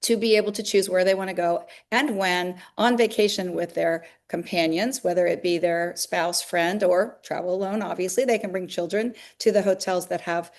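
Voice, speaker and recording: A woman's voice: lowish voice, fairly even intonation, moderate pace, hardly any pauses. Chatty woman explaining her business. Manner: talkative, explains at length with fillers. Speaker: fitness business owner. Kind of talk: interview answers.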